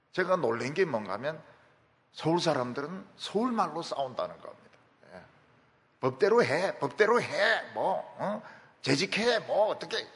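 A man's voice: high-pitched, vocal fry, fairly bright tone, big-room sound. A middle-aged man preaching a sermon as a pastor, telling stories with emphatic delivery. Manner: emphatic storytelling.

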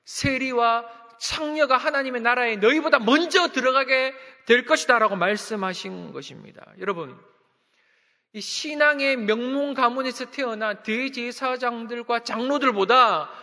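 Man, pastor, sermon, very high bright voice, long hall reverb. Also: expressive, moderate pace. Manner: emphatic preaching with dramatic dips in volume.

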